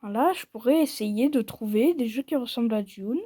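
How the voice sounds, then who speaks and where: A woman talks over her mobile game in a high, mellow voice, unhurried and playful. She rambles and pokes fun at herself, and the recording is dry and close. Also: husky, no room sound. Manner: playful, rambling and self-mocking. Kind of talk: casual gameplay commentary.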